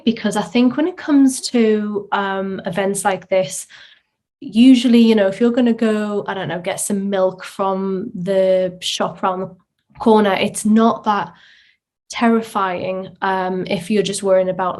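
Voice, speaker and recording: A woman hosting a casual solo podcast, chatty with many filler ums and restarts, heard through low-quality microphone audio. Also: a little mellow. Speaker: podcast host.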